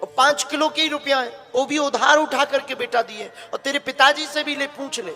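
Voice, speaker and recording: A man's voice: extremely high pitch, steady tone, normal speed, pushed and bright, voice pushed up, exaggerated voice. A preacher doing a poor, tender mother. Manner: tender, reassuring. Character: poor, gentle, loving mother of the bride. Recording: long hall reverb, faint music.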